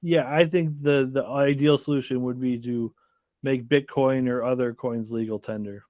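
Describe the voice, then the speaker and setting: A man's voice: mid-range voice, steady tone, normal speed, darkish tone, no room sound. A man in a casual panel discussion, talking briefly and plainly.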